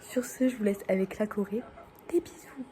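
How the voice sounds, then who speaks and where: A woman's voice: medium pitch, normal speed. A young woman talking casually to her viewers as a vlogger. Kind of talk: casual vlog talk to viewers. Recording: background chatter and noise.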